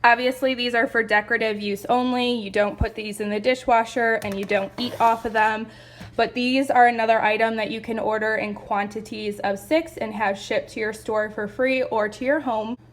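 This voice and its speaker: A young woman chatting excitedly through a home decor haul, gushing and a little out of breath. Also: a little high, moderate pace. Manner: gushing, chatty, lots of "like" and "you guys". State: a bit out of breath. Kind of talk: casual haul video.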